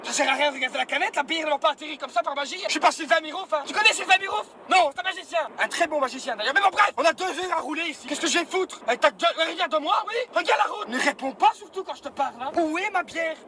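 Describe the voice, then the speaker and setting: A man putting on a crude, hot-headed character who swears and yells insults at other drivers, in a moving car. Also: very high voice, rapid-fire, few pauses. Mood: ranting. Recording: car and road noise.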